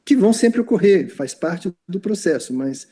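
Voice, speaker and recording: A man's voice: sits high, animated, normal speed, mellow, slightly rough. Hesitant Brazilian man answering questions. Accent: Brazilian Portuguese. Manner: hesitant, many fillers and restarts. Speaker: lecturer. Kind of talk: online lecture Q&A.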